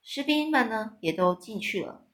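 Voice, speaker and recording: A woman reading a children's book aloud in episodes, stopping to explain hard words in simple terms, in a relaxed manner with small restarts. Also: on the high side, normal speed. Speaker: storyteller.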